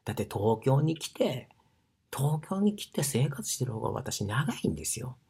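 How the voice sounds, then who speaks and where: A man with an Osaka dialect talks in a loose, rambling monologue, his voice very husky and gravelly. His tone is mellow yet lively, rising and falling a lot. He pads his talk with fillers and often slips down to a breathy near-whisper. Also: medium pitch, normal speed. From Osaka, Japan. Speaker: sauna ambassador. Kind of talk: casual monologue.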